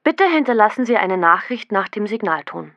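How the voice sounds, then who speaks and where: A woman's voice: medium pitch, expressive, normal speed, no echo, dull audio. A woman's recorded answering machine greeting asking the caller to leave a message. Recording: distant answering machine playback.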